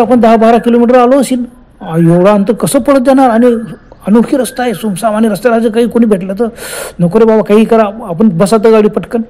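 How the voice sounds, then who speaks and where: A man narrating a horror story in a lively, exclaiming way, acting out the characters' cries and dialogue, with a Marathi accent. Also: sits high.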